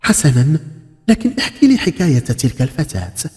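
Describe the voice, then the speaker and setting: A man's voice: on the high side, big pitch swings, brisk, a little mellow, in a large hall, voice pushed up. A man voicing a curious, pleading orphan boy in a folk tale, asking insistently. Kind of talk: folk tale character acting.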